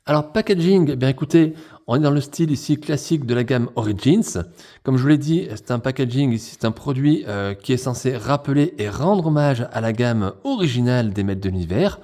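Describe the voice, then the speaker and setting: A man's voice: mid-range voice, lively intonation, brisk, dark tone. A man hosting a toy unboxing in a casual, chatty way, talking straight to his viewers as friends.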